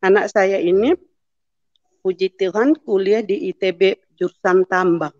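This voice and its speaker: A woman's voice: mid-range voice, steady tone, unhurried, darkish tone. Middle-aged woman telling her story. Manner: storytelling, acting out the dialogue. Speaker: testimony speaker. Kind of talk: personal testimony in church. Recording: dull lo-fi sound.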